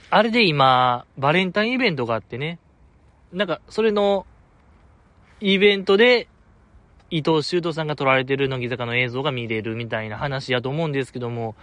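A man's voice: on the high side, fairly bright tone, no room sound. A man with a Kansai accent hosting a casual solo talk show, reading listener messages in a chatty, self-deprecating way. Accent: Kansai Japanese. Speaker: radio show host reading listener mail.

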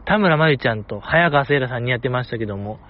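A man's voice: mid-range voice, expressive, fast talker, phone-quality sound. A man with a Kansai accent hosting a radio show, talking casually in a chatty, jokey way with teasing asides. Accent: Kansai Japanese. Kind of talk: casual solo radio talk.

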